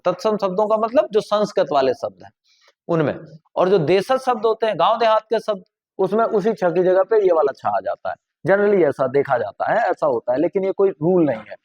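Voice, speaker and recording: A man's voice: high voice, dull audio. A man teaching a grammar class, explaining pronunciation patiently and repeating example words aloud to stress their sounds.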